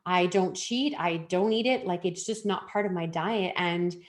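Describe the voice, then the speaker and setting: A woman's voice: lowish voice, measured pace. A woman from Canada presenting her wellness program on a live webinar, in an upbeat, chatty, enthusiastic way.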